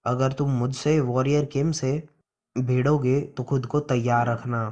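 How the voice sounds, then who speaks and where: A man's voice: mid-range voice, steady tone, measured pace, a little mellow, highs cut off, natural voice. A man voicing a boastful, reckless young male hero in a comic recap, with a cocky, defiant delivery in his own everyday voice.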